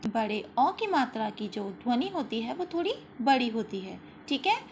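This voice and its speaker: A woman's voice: fairly high pitch, big pitch swings. A woman teaching young children a school lesson, explaining patiently, stretching out syllables for them to repeat, and often checking in with "okay" and "very good". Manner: slow patient explaining, drawn-out sounds repeated; frequent "ठीक है" and "very good" checks. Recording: slightly dull lo-fi audio with faint hiss.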